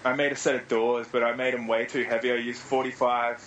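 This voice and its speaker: A man's voice: medium pitch, flat delivery, a little fast, fairly bright tone, slight background noise, low-quality recording. A man in his thirties with an Australian accent, telling rambling anecdotes in casual chat and swearing freely. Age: 30s.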